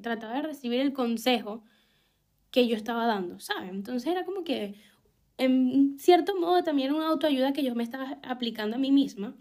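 Young Venezuelan woman, high voice, candid confessional vlogger, emphatic and unfiltered. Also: darkish tone. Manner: frank and emphatic, repeats phrases, swears casually. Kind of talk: candid personal storytelling.

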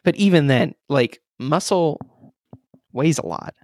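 A man's voice: fairly high pitch, lively intonation, slow pace, darkish tone, no room sound, studio quality. A man co-hosting a podcast, reading a friend's story aloud and teasing him between passages. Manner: teasing, joking. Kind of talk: casual reading with banter.

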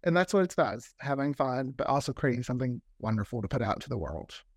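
With a medium pitch, lively intonation, and a quick pace, a podcast creator talks casually as an interview guest in a dry, studio-quality recording. He's excitable and talkative, regularly quoting hypothetical dialogue.

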